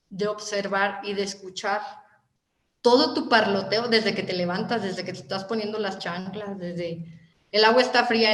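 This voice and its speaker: A woman with a Mexican Spanish accent giving a motivational talk, animated and asking her listeners question after question. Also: a little high, reverberant. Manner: animated, asks the audience many questions. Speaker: motivational speaker.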